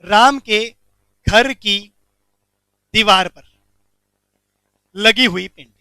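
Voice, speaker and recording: A man teaching a commerce lecture, animated, asking the class questions and answering them himself. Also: high-pitched, slow, clear, resonant tone, no room sound.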